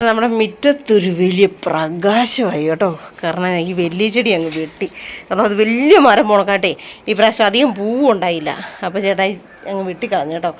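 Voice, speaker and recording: Here a Kerala home vlogger in middle age, Idukki Malayalam accent and all, keeps her viewers company while doing household and yard chores. Her medium-pitched voice moves a little fast, there's slight background noise, and her chatty sentences often end in "you know."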